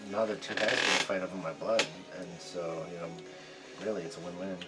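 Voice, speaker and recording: A man's voice: low voice, fairly even intonation, fast talker, over loud music, low-quality recording. A man bantering casually as a player at a tabletop game. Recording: loud crowd chatter behind.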